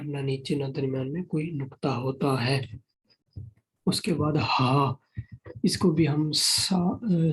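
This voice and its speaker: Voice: medium pitch, a little mellow, slight background noise, rough recording. A Quran reading teacher giving a beginner alphabet lesson, patiently repeating each point and mixing in English words.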